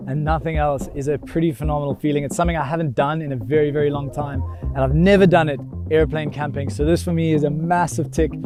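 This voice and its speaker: A man's voice: on the high side, steady tone, quick pace. A man talking casually and enthusiastically to camera as an outdoor vlogger, using colloquial speech. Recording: loud background music. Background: loud music.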